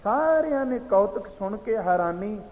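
A man giving a slow, measured sermon that explains recited verses, heard as tinny sound in a reverberant hall. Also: high-pitched, expressive. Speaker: preacher. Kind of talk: katha sermon.

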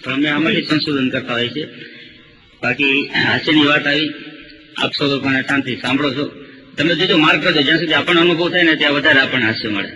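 A male comedian and mimicry artist telling funny anecdotes in a lively stand-up style, acting out the quotes. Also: a little high, quick pace, a little hiss or hum. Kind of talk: comic stand-up storytelling. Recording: slightly dull recording.

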